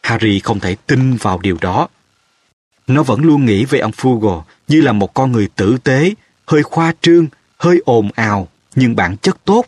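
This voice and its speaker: A man with a husky voice narrating an audiobook in a steady storytelling manner. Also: medium pitch, normal speed, dry recording. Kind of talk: scripted narration.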